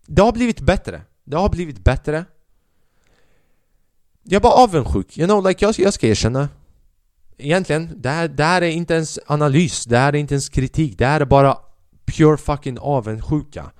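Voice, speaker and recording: A young man hosting his own podcast, telling a comedy club story in a profane, animated way and acting out other people's voices. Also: on the high side, clear, resonant tone, dry recording, studio quality. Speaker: podcast host and stand-up comedian.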